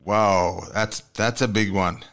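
A man's voice: fairly low pitch, steady tone, slow pace, a bit bright. An Australian man hosting a sports show in a casual, matey way, often repeating himself for emphasis. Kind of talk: casual, chatty interviewing.

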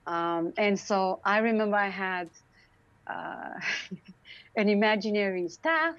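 At a measured pace and medium pitch, a middle-aged woman with a Romanian accent shares her story conversationally as an interview guest; she's a founder and CEO. Her fairly bright voice is earnest and emphatic, repeating phrases for stress, in a dry, lo-fi recording.

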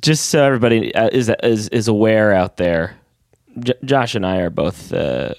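A man's voice: lowish voice, animated, moderate pace, dry recording, clean studio sound. A man co-hosting a comedy podcast, chatting in an easygoing way. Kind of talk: casual chat.

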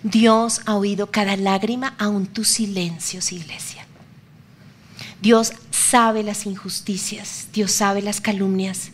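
A middle-aged woman preaching a sermon, expressive, acting out quotes and dropping to whispers. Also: mid-range voice.

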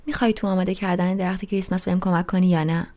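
A woman's voice: fairly low pitch, flat delivery, warm tone, close to an everyday voice. A woman voicing an impatient teenage girl who answers in short, dismissive lines in an audiobook. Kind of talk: audiobook reading.

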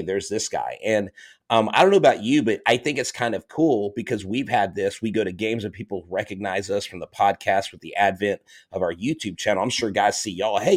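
A man with a fairly low voice hosts a relaxed sports podcast chat. He talks with eager enthusiasm, winding through long sentences full of fillers and restarts. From Florida. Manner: enthusiastic, rambling, frequent fillers. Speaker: podcast host. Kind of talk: casual podcast interview.

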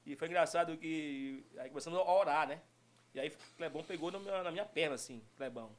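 A middle-aged man telling stories in casual chat, animated and laughing often. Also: on the high side, fast. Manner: animated storytelling with frequent laughter. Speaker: guest storyteller.

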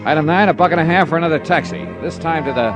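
In an old 1950s radio drama broadcast with music, a man narrates and plays a hard-boiled insurance detective, terse and matter-of-fact. His voice is a little high and racing.

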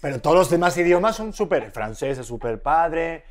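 A man's voice: fairly high pitch, sing-song. A man with an accent from Spain, co-hosting a podcast and joking casually. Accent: Spanish (Spain). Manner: joking, quick to riff in mock accents. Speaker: podcast co-host. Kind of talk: casual chat.

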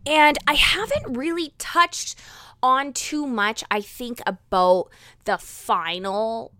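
Chatty young woman, bright crisp voice. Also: fairly high pitch, no room sound. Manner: chatty and candid, lots of "like" fillers, quick bursts. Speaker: podcast host. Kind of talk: candid solo podcast monologue.

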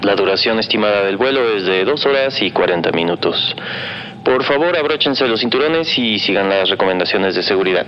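Man acting as low-voiced captain making cabin announcements. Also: animated, fairly quick, lo-fi sound, slight background noise, lightly acted. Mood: calm, formal. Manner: formal airline cabin announcement. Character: calm, courteous male airline captain addressing passengers. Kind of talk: audio drama acting.

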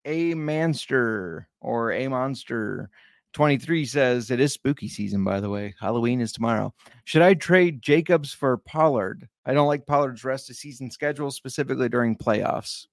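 A man's voice: medium pitch, moderate pace, no room sound, studio quality. A man co-hosting a casual fantasy football podcast, easygoing and often correcting himself as he reads listener questions. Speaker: podcast co-host.

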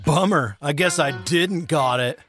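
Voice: mid-range voice, measured pace, fairly bright tone, lightly acted. An actor voicing a dim, affable male magician and model in a cartoon, showy and dopey. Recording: music behind. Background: cartoon score.

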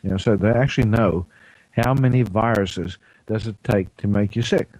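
Low-voiced guy hosting a radio health show, rambly, keeps clearing his throat, dry studio sound. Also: fairly even intonation, normal speed, a little mellow, dry recording, rough recording. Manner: rambling, many fillers and restarts. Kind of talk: casual health talk on air.

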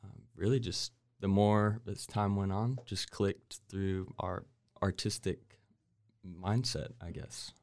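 A man from Waco, Texas speaks as a guest in a casual chat, his voice sitting very low. He talks in an easygoing, unhurried way, pausing often with fillers. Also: fairly even intonation, darkish tone, a little hiss or hum. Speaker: guest, painter.

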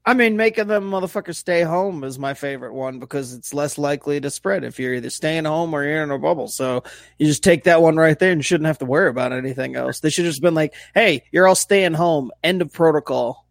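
A man co-hosting a casual sports podcast, blunt, opinionated and quick to swear. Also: a little high, vocal fry, dry recording, studio quality. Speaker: podcast co-host.

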